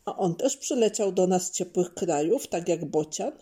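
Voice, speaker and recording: A woman's voice: lowish voice, lively intonation, moderate pace, warm tone, husky. A woman voicing a curious little boy in a children's storybook, asking questions in a raised childlike voice.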